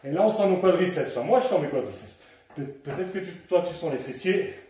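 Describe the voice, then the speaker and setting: Exercising along and slightly out of breath, a man coaches a home workout, counting down moves and encouraging listeners. His voice is fairly high, mellow and expressive, a little fast, with slight background noise, captured from afar in a very echoey room at home.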